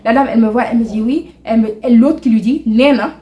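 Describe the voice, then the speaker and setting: A woman's voice: fairly high pitch, racing, dark tone. Chatty young woman, roomy sound. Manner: chatty and indignant, mixing in English and Wolof. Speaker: vlogger. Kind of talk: storytime vlog. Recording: echoey room.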